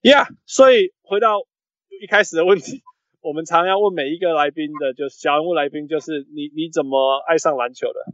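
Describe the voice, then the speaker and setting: A man's voice: on the high side, fairly quick, fairly bright tone. A man hosting a casual sports podcast, slipping English phrases into his Mandarin and repeating words as he searches for terms. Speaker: podcast host. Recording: muffled, roomy lo-fi podcast audio.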